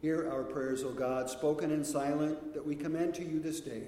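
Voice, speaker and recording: A pastor leading a solemn, measured liturgical prayer, his voice ringing with a cathedral-like echo in a large church sanctuary. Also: flat delivery, warm tone. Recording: echoey church hall, faint rumble.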